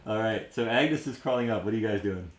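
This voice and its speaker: A man narrating as dungeon master in a relaxed way, pausing on fillers. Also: fairly low pitch. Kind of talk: narrating a tabletop game.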